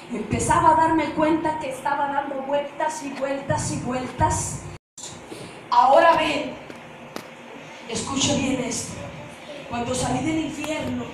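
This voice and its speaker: A woman preacher giving an impassioned testimony sermon, pleading and shouting in emotional outbursts. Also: high voice, background noise. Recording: echoey hall, voice from far off.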